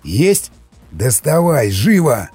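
A man voicing a hot-tempered male commander who yells at his men in an audiobook. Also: medium pitch, sing-song, slow pace, breathy edge, soft background music, exaggerated voice. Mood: urgent. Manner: yelling, harsh.

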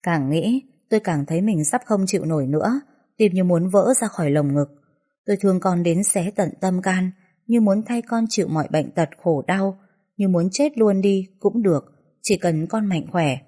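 A woman narrating a first-person story in a soft, sorrowful way. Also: on the low side, expressive, normal speed.

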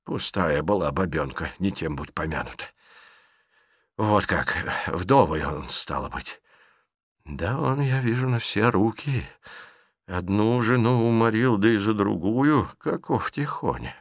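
A man voicing a sharp-tongued, blunt elderly aunt who scolds her niece in an audiobook reading. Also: fairly low pitch, lively intonation, unhurried, dry recording, studio quality. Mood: grumbling.

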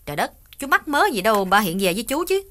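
A man putting on a high, chattering village wife. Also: sing-song, pushed and bright, heavily acted. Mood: startled, curious. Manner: high, rapid, questioning chatter.

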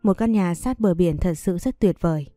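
A woman's voice: lowish voice, normal speed, mellow, no room sound, clean studio sound, close to an everyday voice. A woman voicing a grieving young woman, an older sister who speaks in a restrained, coaxing way.

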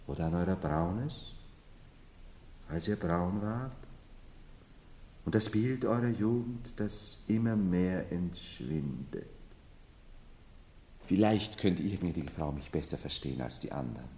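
A grandiose, half-mad would-be emperor in a 1970s radio drama. The voice sits low and carries a long hall reverb. He lurches from loud, impassioned pleading to hushed, confiding murmurs. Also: lively intonation, takes it slowly, long pauses, a little hiss or hum, heavily acted. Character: man who believes he is emperor, feverish, grandiose. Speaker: title role in radio play.

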